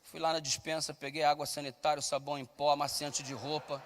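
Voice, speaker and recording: A male pastor preaching a sermon with comic stories, loud and at times shouting, acting out the voices of people in his stories. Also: a little high, level tone, brisk, long reverb tail, slight background noise.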